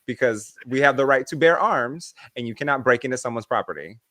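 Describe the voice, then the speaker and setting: Man, podcast co-host, bright voice, dry close sound, animated swearing storyteller. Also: mid-range voice, brisk, no echo. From United States. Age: adult, past his early twenties. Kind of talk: casual podcast chat.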